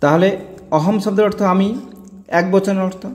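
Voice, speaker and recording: A man's voice: high-pitched, moderate pace, darkish tone, in a large hall. A man teaching a grammar lesson, drilling word endings aloud and repeating each form. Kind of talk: explaining grammar tables.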